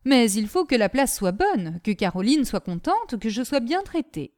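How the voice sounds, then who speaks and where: A woman's voice: a little high, big pitch swings, normal speed, darkish tone. A woman voicing a simple-minded, blunt young male servant, chattering eagerly and indignantly. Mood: plaintive.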